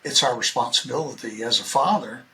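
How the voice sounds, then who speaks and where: A man's voice: mid-range voice, brisk, sharp tone, a little hiss or hum, rough recording. A man hosting a faith interview, affirming his guest and reflecting thoughtfully on what he says. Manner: affirming, frequent "yeah" backchannels. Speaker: podcast host.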